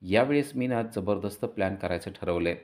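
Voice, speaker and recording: A man playing a cocky young woman, sure of her schemes and quick to take offense, told in his own low-pitched retelling voice. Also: darkish tone, natural voice. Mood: defensive. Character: hopeful, self-assured scheming young woman.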